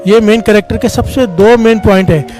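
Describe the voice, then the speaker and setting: A man's voice: sits high, brisk, a little mellow, faint music behind. A man giving a Sikh katha sermon, telling stories and calling out responses from the congregation. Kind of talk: devotional sermon with storytelling.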